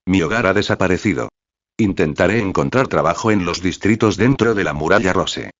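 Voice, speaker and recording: A man's voice: low-pitched, brisk, no room sound. A synthetic male voice reads the lines of a guarded, tired young refugee woman in a storybook. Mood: wary. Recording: dry, slightly dull lo-fi sound.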